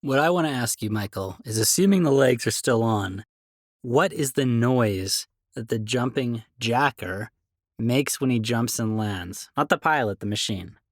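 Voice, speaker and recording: Mid-pitched man, jokey podcast host, dry close mic. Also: lively intonation, a little slow, no room sound. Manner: playful, upbeat, jokey. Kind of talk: casual chat.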